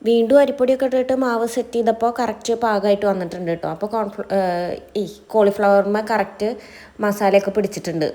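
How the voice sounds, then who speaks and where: A woman's voice: mid-range voice, mellow. A woman, a mother, chatting casually to the camera about her day at home, homely and talkative, often correcting herself mid-sentence. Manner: chatty, homely, self-correcting as she talks. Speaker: mom vlogger. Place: home kitchen and dining area.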